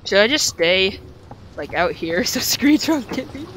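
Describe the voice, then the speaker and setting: A woman's voice: medium pitch, sing-song, measured pace, a bit bright. A young woman chatting casually while playing a game, giggly and jittery, swearing playfully as her nerves get to her. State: jittery and shaky. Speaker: gamer recording a video. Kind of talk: casual gaming chat. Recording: clear background noise.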